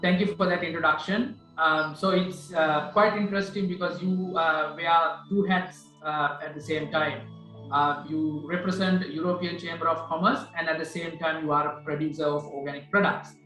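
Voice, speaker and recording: A man's voice: a little high, steady tone, normal speed, bright, forceful tone. Polite man hosting in an echoey room. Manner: polite, formal questions with hesitations. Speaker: webinar host. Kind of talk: hosting an interview. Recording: echoey room with faint music.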